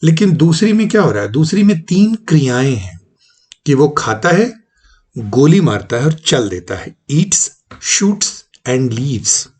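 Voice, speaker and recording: A man teaching a recorded lesson, explaining slowly and patiently with many examples. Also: fairly high pitch, very animated, darkish tone, husky. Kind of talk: recorded online lecture.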